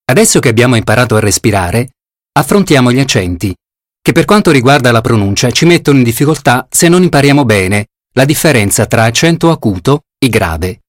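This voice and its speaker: A man reading a pronunciation lesson as a diction teacher, saying each word slowly and carefully. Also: mid-range voice, no echo, clean studio sound.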